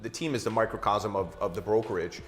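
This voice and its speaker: A man hosting an interview segment, friendly and brisk with a promotional manner. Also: fairly low pitch, steady tone. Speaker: interview host. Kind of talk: hosted interview.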